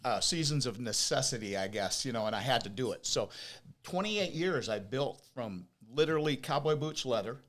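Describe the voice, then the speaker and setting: An American business owner from Oregon, in his fifties or older, tells his story conversationally as a podcast guest, repeating points emphatically and asking rhetorical questions. His medium-pitched voice is expressive and a bit bright, at a normal speed. New teeth give his s a whistle.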